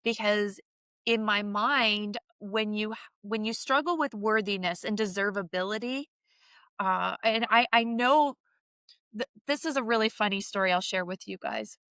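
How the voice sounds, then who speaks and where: A woman from Canada with a bright, forceful voice tells a personal story on her podcast. She speaks in a candid, animated way. The sound is close and dry. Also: mid-range voice, normal speed, clear, resonant tone, no echo. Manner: animated, vivid storyteller who acts out quoted voices. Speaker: podcast co-host.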